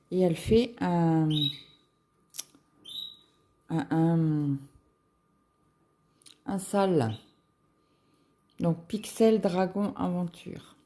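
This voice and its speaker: A woman chatting casually as a cross-stitch vlogger, musing aloud with halting fillers as she browses shops online. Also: lowish voice, mellow. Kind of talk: casual screen-share chat.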